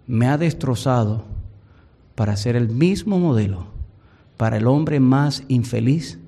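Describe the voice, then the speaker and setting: A male preacher voicing a broken, weeping man who once modelled for a painter, speaking low and insistently. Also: lively intonation, unhurried, dark tone, husky. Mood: grieving.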